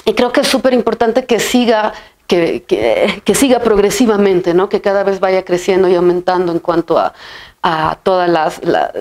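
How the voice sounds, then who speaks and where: A Bolivian woman in her thirties, a filmmaker and writer, answers interview questions in a fairly low, darkish voice. She is thoughtful, often restarting phrases, using many fillers, and closing them with a questioning "¿no?". She sits in an armchair in a bright room with a plain wall.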